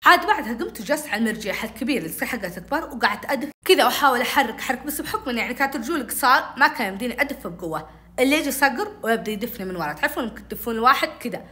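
A woman telling a childhood story in casual storytelling, animated and acting out each voice. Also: fairly high pitch, racing. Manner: animated, acts out every voice.

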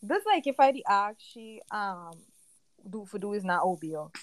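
A woman's voice: mid-range voice, lively intonation, moderate pace, no room sound. A woman with a Guyanese accent, co-hosting a podcast in playful, teasing casual chat full of slang. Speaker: podcast co-host.

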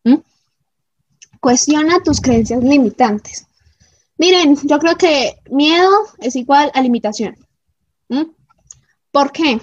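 High-voiced woman giving pep talk. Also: expressive, slow pace, long pauses, lo-fi sound. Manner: emphatic, checks in with frequent "¿sí?" and "¿mm?". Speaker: motivational speaker. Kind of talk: motivational talk to viewers.

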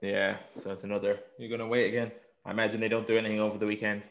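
A man's voice: fairly low pitch, level tone, racing, gravelly, fairly bright tone, muffled recording. A man with an Irish accent hosting a podcast in casual, colloquial chat with plenty of swearing. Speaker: podcast host.

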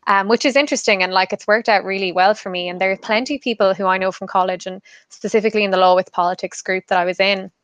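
A woman's voice: mid-range voice, steady tone, fast, a bit bright, smooth, dry recording. A young woman from Kerry with a west of Ireland accent, giving chatty, thoughtful answers as an interview guest. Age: young adult. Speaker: podcast guest, law firm associate.

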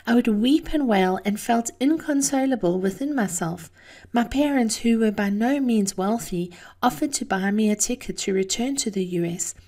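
A middle-aged South African woman hosts an encouragement podcast. She speaks at a medium pitch for a woman, in an earnest and deliberate way. Her delivery is a prepared motivational monologue, told personally and directly to the listener. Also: a little mellow.

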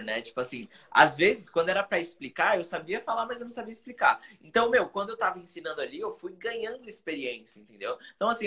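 A young Brazilian man teaching English in a casual chat, animated and slowing down for careful English phrases. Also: fairly high pitch.

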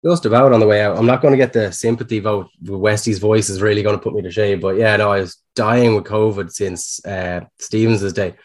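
A man's voice: fairly low pitch, steady tone, fairly quick, few pauses. An Irish man co-hosting a podcast in casual, self-deprecating, sweary chat. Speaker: podcast co-host.

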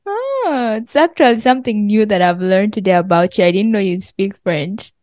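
A young woman hosting a faith podcast interview, friendly, asking quick questions and laughing often. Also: medium pitch, very animated, darkish tone, no room sound. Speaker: podcast host.

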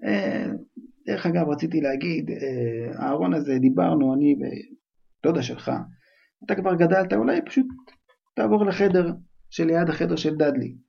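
A blustering, bad-tempered middle-aged uncle from a storybook reading barks orders in a gruff, gravelly, husky voice, as a man puts him on. The sound is dull and lo-fi. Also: fairly high pitch, long pauses, mellow, voice pushed up. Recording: dull lo-fi recording.

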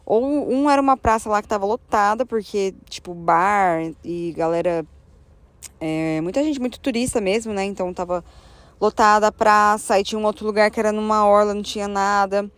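A Brazilian woman vlogger telling a travel story in a casual way. She acts out her own thoughts in a higher voice. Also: dry recording. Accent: Brazilian Portuguese.

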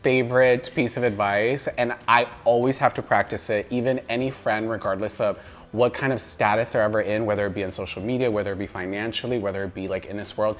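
An American man who works as a makeup artist and content creator, chatting as a podcast guest in an animated, giggly way. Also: on the low side. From United States. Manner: animated and giggly, slips into playful mimicking voices. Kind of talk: casual chat.

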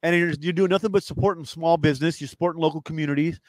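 A man with a slightly raised voice talks very quickly as a guest in a casual interview. He rambles, circling back and restarting his thoughts. The sound is dry and close, with no room echo. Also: on the high side, steady tone. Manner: rambling, fast, lots of fillers and restarts. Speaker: guest, comedian and cook.

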